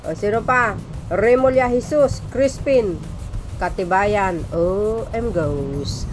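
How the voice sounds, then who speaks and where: A woman's voice: mid-range voice, slow. Woman vlogger, chatty and teasing, mixes in english, reads out names, faint music behind. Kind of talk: casual political commentary vlog.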